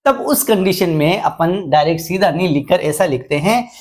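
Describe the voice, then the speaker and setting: A man teaching English grammar online, explaining slowly and repeating key points into a microphone indoors. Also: sits high, animated, darkish tone. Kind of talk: online grammar lesson in Hindi. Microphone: desk microphone indoors.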